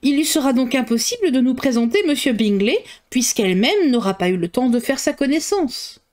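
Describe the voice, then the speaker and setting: A woman reading a novel aloud, voicing a fretful, excitable middle-aged mother with a shrill, fussy, complaining manner. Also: a little fast. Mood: querulous.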